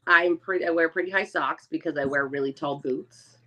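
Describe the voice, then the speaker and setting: A woman with a moderately low voice co-hosts a podcast. She chats casually, with informal, laid-back wording, in the style of an everyday conversation. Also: fairly quick, bright, forceful tone. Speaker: podcast co-host. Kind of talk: casual chat.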